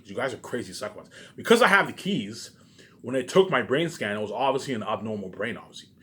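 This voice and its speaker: Speaking fast in a medium-pitched, fairly bright voice with lively intonation, this vlogger goes on an unscripted, rambling rant to camera. He's agitated and profane, repeats himself, and keeps stumbling over his words.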